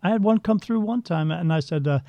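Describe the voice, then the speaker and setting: A man's voice: high-pitched, a little fast, vocal fry, mellow, dry recording. A man working as a psychic medium, telling stories in a blunt, rambling way with frequent restarts during an interview. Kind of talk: casual storytelling interview. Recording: dull lo-fi dry sound.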